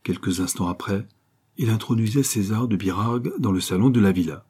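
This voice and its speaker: A man narrates an old adventure novel in a measured, dramatic way. His voice is low and dark, with a husky grain. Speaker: audiobook reader. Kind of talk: scripted narration.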